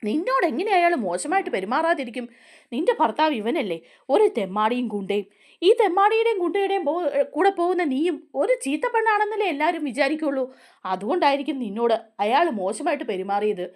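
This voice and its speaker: A woman's voice: high-pitched, big pitch swings, brisk, voice pushed up. Lady retelling as an angry old teacher guy, scolding and sneering, voice jumps around. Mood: angry, scornful. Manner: scolding, insulting. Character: harsh older male schoolteacher, scornful and furious.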